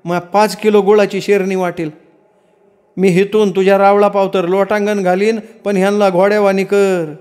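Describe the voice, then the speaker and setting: A man's voice: sits high, level tone, moderate pace, darkish tone, pitched above the performer's own voice, natural voice. A man voicing a devoted, frantic rural village wife who talks in rustic village speech. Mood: pleading.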